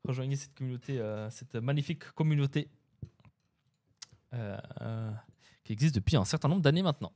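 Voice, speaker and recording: A man's voice: mid-range voice, fairly quick, pauses often, dark tone. A man hosting a casual live-coding stream, chatting with viewers and muttering to himself as he works. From French-speaking. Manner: chatty, talks to chat while coding, hums and mutters. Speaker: livestream host.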